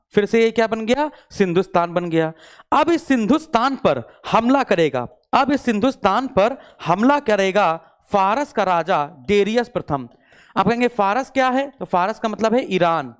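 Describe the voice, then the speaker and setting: A male teacher with a high, clear, resonant voice gives an online exam-prep lecture. He repeats every point and quizzes his students in call-and-response fashion, mixing English words into his speech.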